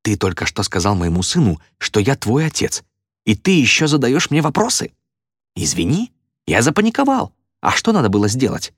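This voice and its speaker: A man's voice: mid-range voice, very animated, moderate pace, breathy edge, dry recording, studio quality, pitched above the performer's own voice. A man voicing an earnest, rambling eccentric who talks in a raised voice in a storybook reading. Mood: flustered.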